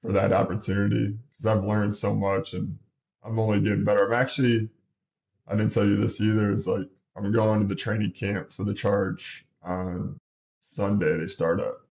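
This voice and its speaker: A gravelly, fairly low-pitched male voice at a moderate pace belongs to a basketball coach in his thirties, a guest in a casual interview chat. He sniffles and rambles in a relaxed way with lots of restarts, and the recording is muffled.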